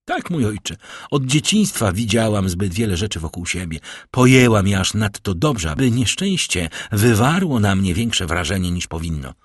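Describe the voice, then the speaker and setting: A man's voice: lowish voice, sing-song, normal speed, husky, dry recording, clean studio sound. A man voicing a proud, scornful young woman who defies her father, in an audiobook reading. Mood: haughty defiance. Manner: cold, haughty, defiant.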